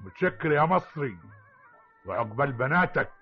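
An actor with an Egyptian accent playing a smooth, falsely friendly, scheming rich landowner in a classic radio drama. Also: male voice, mid-range voice, very animated, normal speed. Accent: Egyptian Arabic. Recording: tinny old radio recording with music.

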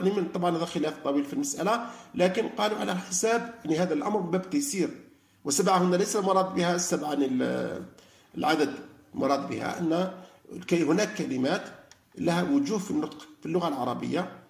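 A man giving a religious lecture, animated and arguing through rhetorical questions. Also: on the high side, racing, creaky, roomy sound. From Algeria. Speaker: lecturer on Quran study.

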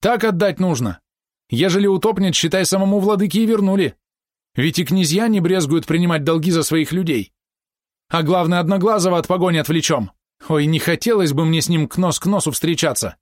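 A man's voice: on the high side, a little fast, dry recording, clean studio sound, pitched above the performer's own voice, close to an everyday voice. A man voicing a frightened, superstitious ship's helmsman who speaks fearfully and urgently.

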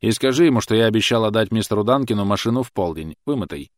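A man reading aloud and voicing a bossy middle-aged uncle giving brisk orders. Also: on the low side, expressive, dry recording, studio quality, pitched above the performer's own voice, lightly acted. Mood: commanding.

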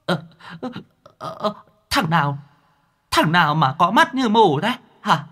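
A man voicing a cowardly, talkative male demon who whines and rambles in a high, wheedling voice. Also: very animated, a little slow, pushed and bright, full character voice. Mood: pleading. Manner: whining, rambling, pleading. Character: cowardly chatty male demon, whiny pleader.

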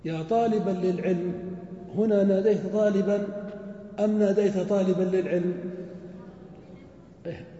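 A man's voice: high voice, fairly even intonation, moderate pace, pauses often, dark tone. A man teaching a grammar lesson, asking questions and drawing out examples in a chanting tone. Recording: dull, echoey hall recording.

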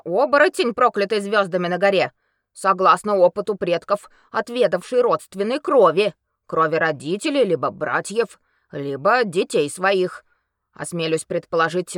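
A woman's voice: lowish voice, a bit bright, no room sound, clean studio sound. A woman voicing a pedantic man who lectures in precise, fussy terms.

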